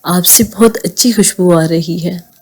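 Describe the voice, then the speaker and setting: A woman's voice: lowish voice, darkish tone, slightly rough. A woman voicing a playful, teasing teenage daughter in a read-aloud audio novel.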